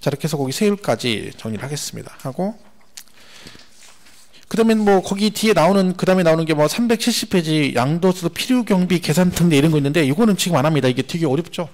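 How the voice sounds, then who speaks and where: A man lecturing a class on tax law for an exam, animated and repetitive, asking the students rhetorical questions. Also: fairly high pitch, fast.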